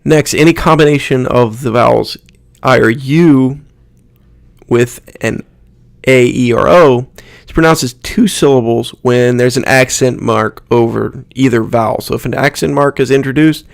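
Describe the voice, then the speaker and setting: A man gives a pronunciation lesson at an unhurried pace, carefully sounding out and repeating each example word. His voice has a gravelly edge. The recording is dry and close. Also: medium pitch, dry recording. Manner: slow, deliberate, repeats example words. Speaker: Spanish pronunciation teacher. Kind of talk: instructional explanation with spoken examples.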